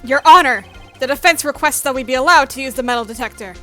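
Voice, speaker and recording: Earnest young defense lawyer in a game read-along, read by a woman streamer; high, bright. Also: quick pace, faint music behind. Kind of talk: reading game dialogue aloud.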